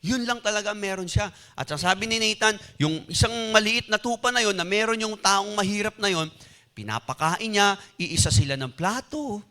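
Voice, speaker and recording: Animated, bright-voiced male pastor. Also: sits high, normal speed. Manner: conversational storytelling with rhetorical questions; animated, mixing in English phrases. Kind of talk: sermon.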